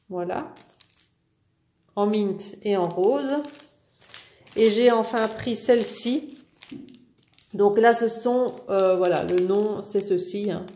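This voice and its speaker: A woman with a slightly high, mellow voice talks slowly and casually as she presents her shop's new craft supplies. She pauses often with little fillers. The room around her is echoey. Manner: slow, chatty, many fillers and "voilà". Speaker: craft shop owner presenting new products. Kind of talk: casual product show-and-tell.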